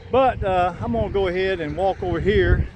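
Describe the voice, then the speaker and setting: Older southern guy w a drawl, rambly folksy chat, fairly high voice, phone mic outside. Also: brisk, noisy background. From Southern United States. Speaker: homesteader filming his garden. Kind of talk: casual walkthrough vlog. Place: outdoors in a rural garden. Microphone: phone on selfie stick.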